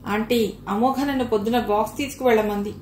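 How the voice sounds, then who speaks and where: A gentle young husband with a soft, reassuring way of talking, as a woman reads him. The voice sits a little high, with faint hiss in a roomy recording. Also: steady tone, a little fast, lightly acted.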